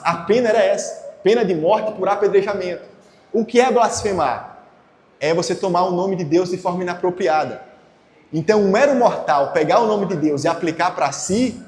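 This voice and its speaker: A high-pitched man delivers a teaching sermon. He keeps asking his listeners rhetorical questions. His voice rings through a roomy, echoing hall with a long reverb tail. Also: darkish tone. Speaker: preacher. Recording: echoey hall.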